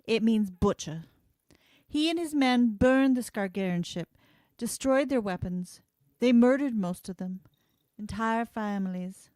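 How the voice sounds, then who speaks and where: In an amateur radio play, a woman portrays a kind, earnest frontier schoolteacher with a quietly defiant streak, explaining things in a measured, somber way. Her fairly high voice is expressive, and there's no echo.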